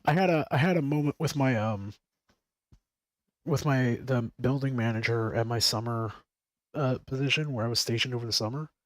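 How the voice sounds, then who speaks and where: A man's voice: medium pitch, normal speed, no room sound, poor audio. A man chatting casually on a stream, rambling and swearing freely with frequent laughs. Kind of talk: casual chat.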